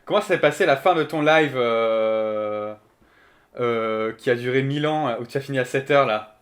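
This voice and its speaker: A man's voice: mid-range voice, fairly bright tone. A man streaming live, chatting casually and joking as he thinks aloud and answers his chat.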